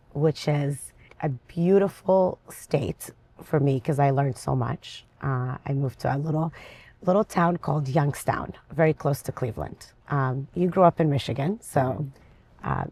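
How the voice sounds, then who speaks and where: A woman from Lebanon, an interview guest, talking in a lively, chatty and restless way. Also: sits low, unhurried, no room sound. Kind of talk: casual interview conversation.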